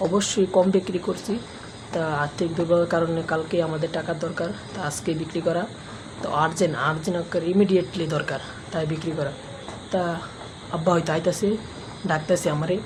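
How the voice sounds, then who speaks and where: Man, hushed casual vlog talk, cowshed at night, phone mic, noisy background. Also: fairly high pitch, steady tone, a little fast. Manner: speaking softly and hushed. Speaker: village lifestyle vlogger.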